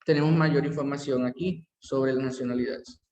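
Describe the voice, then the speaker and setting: A man teaching a language lesson, slowly repeating each word form aloud as he explains it. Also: mid-range voice, steady tone, a little mellow. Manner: slow, careful, repeats word forms aloud. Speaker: French teacher. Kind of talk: bilingual classroom lesson. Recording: echoey hall.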